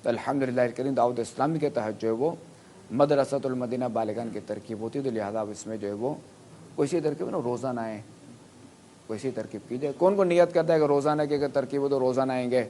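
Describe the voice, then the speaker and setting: A man delivers a sermon to a gathering. His voice sits in an ordinary middle pitch, and he teaches by sounding out examples one by one. A faint hum of background noise runs under the talk. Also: warm tone. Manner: explains Quran pronunciation with spoken examples, asks listeners to raise hands. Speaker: preacher. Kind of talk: sermon to a live audience.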